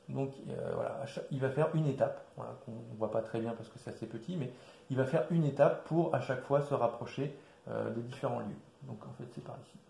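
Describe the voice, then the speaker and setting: A man casually walking through a board game's rules, with many fillers and restarts, recorded quietly in an echoey room. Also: creaky. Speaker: board game presenter. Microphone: quiet distant mic. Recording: echoey room, low level.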